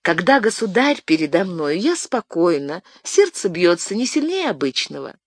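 A young noblewoman in love speaks through an audiobook, as the reader lifts the voice well above their own. Her lines are earnest and pleading, and her pitch swoops about with feeling. The sound is close and dry. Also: very animated, moderate pace, no echo. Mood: ardent. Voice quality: higher, lighter voice. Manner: tender and pleading. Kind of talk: audiobook narration.

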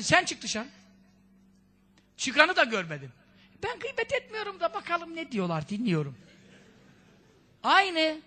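A man preaching a conversational sermon, firing off rhetorical questions, scolding in a lively way and quoting Arabic sayings. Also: very high-pitched. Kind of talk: religious sermon talk.

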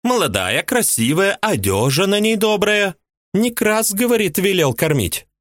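Guy putting on a shrieky jealous widow, high voice swinging all over, audiobook, dry sound. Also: big pitch swings, measured pace, fairly bright tone, no room sound, exaggerated voice. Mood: furious. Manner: shrieking, scolding, tearful reproach. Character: angry jealous young widow, shrill and accusing. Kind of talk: audiobook character voice.

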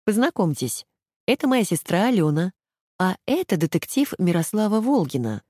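A woman voicing a gentle, timid young woman who speaks softly and placatingly. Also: fairly low pitch, very animated, normal speed, dry recording, clean studio sound, voice pushed up. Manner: soft, placating.

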